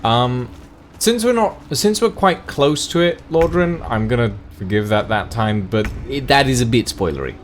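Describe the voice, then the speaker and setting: A man's voice: mid-range voice, animated, moderate pace, noisy background. A man chatting casually as a co-op player on a game stream. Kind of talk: casual gameplay chat.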